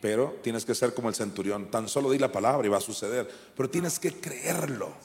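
A man delivers a brisk sermon in a large church hall, his voice trailing a long, ringing reverb over a little hiss or hum. He alternates between fiery shouted commands and hushed, low asides, driving each point home.

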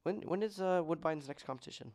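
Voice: mid-range voice, fast talker, darkish tone. A podcast host in casual chat, joking and running through long lists of results with many ums.

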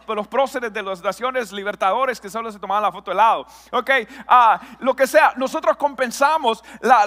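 A man preaching a lively sermon as a pastor, asking his audience questions and joking with them. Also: very high-pitched, long reverb tail. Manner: lively, talks with an audience, asks questions and jokes.

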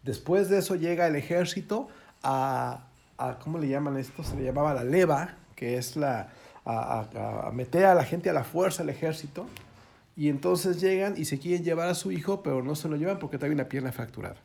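Man, gravelly, slightly high voice, folksy casual preaching. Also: brisk, darkish tone. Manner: folksy, joking, acts out quoted voices. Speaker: pastor.

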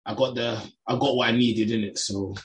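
A man's voice: medium pitch, steady tone, moderate pace, husky. Young London roadman on a podcast. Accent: London, urban roadman slang. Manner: slangy street talk. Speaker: football podcast panellist. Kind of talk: casual chat.

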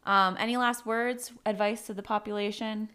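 Her medium-pitched voice is fairly bright, with fairly even intonation at a moderate pace. She's a podcast host in her late twenties, chatting casually and loosely with plenty of "like" as filler.

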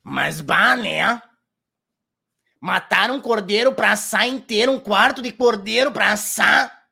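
A man voicing a raspy old chain-smoking woman from southern Brazil with a gaúcho accent, rambling and tagging phrases with "né?". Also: high voice, unhurried, sharp tone, exaggerated voice. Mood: boastful. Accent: Rio Grande do Sul. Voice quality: gravelly, strained throat. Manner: rambling, tags every phrase with "né?".

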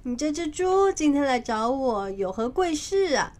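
A woman's voice: on the high side, expressive, unhurried, darkish tone. A woman voicing a proud, hot-tempered male monkey king in a children's storybook, with a scornful, blustering manner.

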